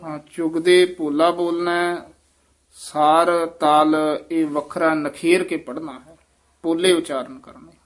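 A man teaching scripture recitation, correcting pronunciation and slowly repeating words to demonstrate them. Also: a little high, fairly even intonation.

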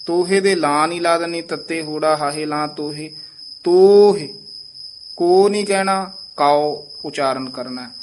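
A man teaching how to pronounce scripture, who says each phrase slowly and then explains the correction. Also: fairly high pitch, slight background noise. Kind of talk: pronunciation lesson.

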